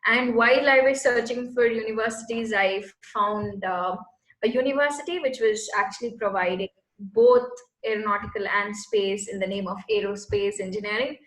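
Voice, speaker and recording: The recording, made in an echoey room, captures a space entrepreneur from Bangalore, India, as an interview guest. Her voice is medium-pitched and a bit bright, at normal speed, and she earnestly explains her path in casual answers, searching for words as she talks.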